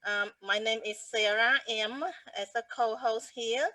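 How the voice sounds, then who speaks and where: A woman's voice: a little high, fairly even intonation, measured pace, sharp tone, no echo, low-quality recording. A woman from Cambodia, a co-host introducing herself in a casual talk show, speaking earnestly with fillers and restarts.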